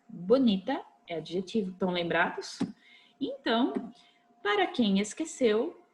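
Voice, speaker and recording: A woman's voice: medium pitch, darkish tone. A Brazilian woman teaching a recorded online class to young children, patient and coaxing, checking in often with short questions. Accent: Brazilian Portuguese. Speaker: primary school teacher.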